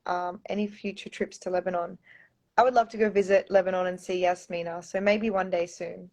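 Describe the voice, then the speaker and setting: A woman's voice: on the low side, fairly even intonation, a little fast, a little mellow. Chatty Australian young woman on livestream. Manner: chatty, reads viewer comments aloud, often says um and like. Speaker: pageant contestant answering fans. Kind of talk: casual live-stream Q&A.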